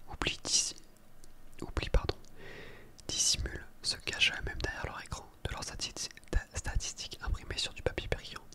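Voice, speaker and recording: Reading a book aloud for ASMR, this person keeps to a gentle library whisper, occasionally fumbling a word and correcting it.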